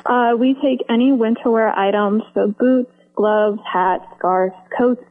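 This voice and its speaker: A woman's voice: fairly high pitch, steady tone, unhurried. A young woman from the Midwest on the phone, earnestly answering a radio interview about her charity drive. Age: young adult. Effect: over the phone. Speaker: charity organizer guest. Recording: tinny phone line.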